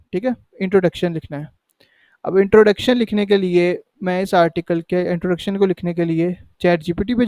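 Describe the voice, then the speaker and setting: A man's voice: high-pitched, a little mellow, dry recording. A man hosting a casual step-by-step tutorial, talking conversationally and often checking in with the listener. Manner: conversational, repeats "ठीक है" to check in. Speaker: tutorial host. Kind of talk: casual screen-recorded tutorial.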